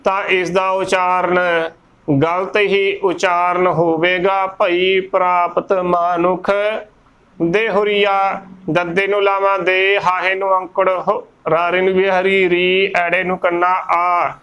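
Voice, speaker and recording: High, smooth-voiced Punjabi man teaching slowly. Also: flat delivery, pushed and bright, dull audio. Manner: spells words letter by letter, repeating correct and wrong forms. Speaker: Gurbani pronunciation teacher. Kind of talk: slow methodical pronunciation lesson.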